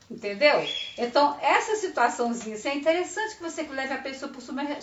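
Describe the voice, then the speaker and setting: Chatty high-voiced Brazilian teacher, roomy. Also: female voice. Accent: Brazilian Portuguese. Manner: chatty, expressive, acts out little dialogues. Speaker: literacy teacher. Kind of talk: online teaching talk. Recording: muffled, roomy, distant mic with faint hiss.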